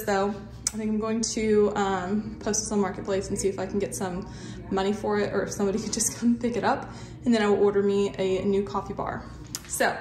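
A lifestyle vlogger shows off her home on a handheld phone stick, her medium-pitched voice carrying a faint hiss or hum. Her casual tour chat is rambling and self-deprecating, with sentences that trail off and restart.

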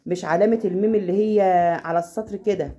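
A woman with an Egyptian Arabic accent tutoring a child at home, patient and slowing down to demonstrate recitation. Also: medium pitch, dark tone. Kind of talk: casual home lesson.

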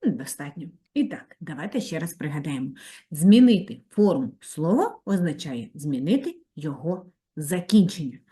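Woman teacher, lower voice, very lively pitch, slow careful dictation, primary school lesson. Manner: slow, clearly spaced dictation, lively sing-song pitch. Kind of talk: online grammar lesson for third graders.

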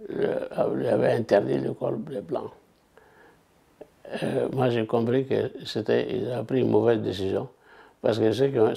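A man in his eighties giving a deliberate, measured testimony at home. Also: on the low side, vocal fry, mellow, husky. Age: 80s. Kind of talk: testimony interview. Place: living room, indoors.

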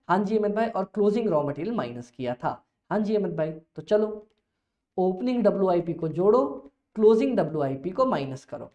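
Man, teacher, playful lecture, self-answering banter, very animated pitch, echoey. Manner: playful, answers his own questions in a student's voice. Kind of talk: energetic classroom lecture.

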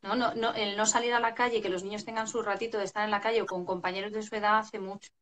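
A woman's voice: medium pitch, flat delivery, fast, fairly bright tone, a little hiss or hum. Woman explaining parenting advice. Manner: explanatory, acts out family scenes. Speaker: parenting expert guest. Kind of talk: live video chat advice.

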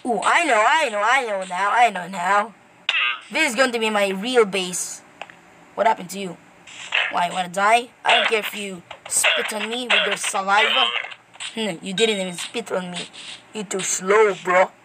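A woman giving rambling, excitable commentary to viewers while playing a game. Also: mid-range voice, moderate pace, very noisy. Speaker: gameplay commentator. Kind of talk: casual gameplay commentary.

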